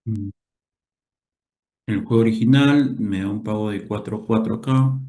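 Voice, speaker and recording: A man's voice: on the low side, a little slow, warm tone. A man explaining a game theory lecture step by step, often checking with his listeners as he goes. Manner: explanatory, keeps checking with "¿correcto?" and "¿no?". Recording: roomy echo.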